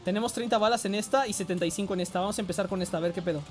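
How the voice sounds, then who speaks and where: A man with a Mexican accent giving excitable live gameplay commentary, swearing and often yelling. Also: sits high, very fast, music in the background. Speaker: game streamer.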